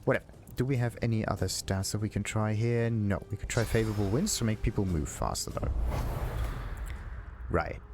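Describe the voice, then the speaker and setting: Talking to himself through a relaxed let's play with game music underneath, this gaming video host has a fairly low voice and a fairly quick pace. The background is noisy.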